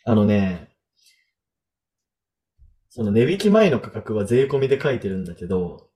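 A man with a fairly low, mellow voice hosts a podcast in a relaxed chat. He thinks aloud as he talks and leans on loose fillers. His delivery stays easygoing and conversational. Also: moderate pace. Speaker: podcast host.

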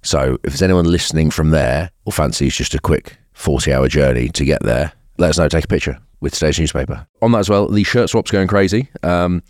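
A man's voice: sits low, a little mellow, no room sound. A man co-hosting a rugby podcast in a studio, chatting in a laid-back way with dry banter. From England. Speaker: podcast co-host, rugby player. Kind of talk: casual chat.

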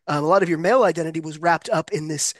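A man interviewing casually, halting and hesitant, often repeating words as he feels his way through a sentence. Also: a little high, a bit bright, no room sound, studio quality.

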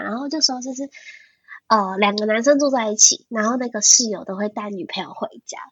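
一位二十多歲、帶台灣口音的女性播客主持人，說話沙啞，語氣隨意，常用口頭禪和重複。. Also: female voice, mid-range voice, fairly bright tone, husky. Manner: chatty, many fillers and restarts, laughs often. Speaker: podcast co-host. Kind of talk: casual podcast chat. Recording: dull, lo-fi podcast audio.

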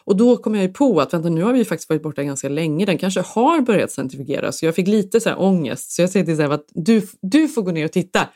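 Podcast co-host, woman, lowish voice, animated storyteller who acts out dialogue, dry close recording. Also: few pauses, no room sound. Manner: animated storyteller acting out quoted voices, laughing often. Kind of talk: casual storytelling chat.

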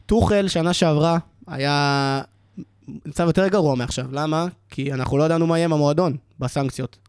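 Man, high voice, passionate podcast co-host in a fired-up rant. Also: darkish tone, clear, resonant tone, no echo, studio quality. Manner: passionate, exasperated ranting. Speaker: podcast co-host, Chelsea fan. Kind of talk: heated casual football chat.

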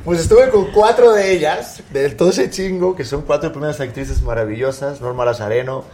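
A man, an actor guest chatting on a talk show, animated, laughing often and acting out the lines he quotes. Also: fairly high pitch, normal speed. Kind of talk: casual talk-show chat.

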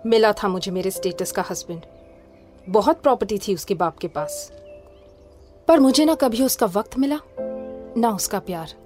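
A woman's voice: high voice, expressive, normal speed, pauses often. A woman playing a young divorced woman in an audio drama, teasing and mock-scolding in Hinglish. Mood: rueful. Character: young divorced woman, playful and bossy with her friend. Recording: studio voice with music underneath. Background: soft background music.

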